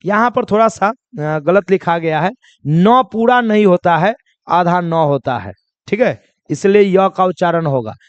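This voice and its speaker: A high-pitched, animated male teacher runs a pronunciation class; the audio has no room sound and lacks high frequencies. He spells words slowly, answers questions he has just asked, and returns to key points.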